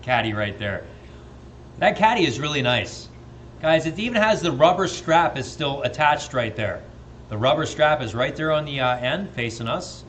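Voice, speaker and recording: A man's voice: on the high side, lively intonation, moderate pace, a bit bright, slight background noise. A man working as an auctioneer, calling bids on a live stream in a repeated rhythmic chant with chatty asides.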